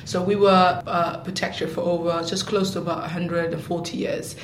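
Woman from somaliland explaining history, pretty flat delivery, lots of ums, echoey room w faint rumble. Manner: explanatory, frequent "um" fillers. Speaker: guest, social activist. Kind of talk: casual interview explanation.

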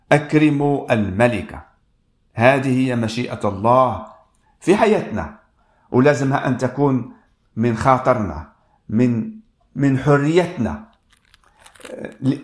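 Slow, hesitant Moroccan preacher in a roomy space. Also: male voice, mid-range voice. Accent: Moroccan Arabic. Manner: slow, measured reading with frequent hesitant restarts. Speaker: radio preacher. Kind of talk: radio sermon with scripture reading.

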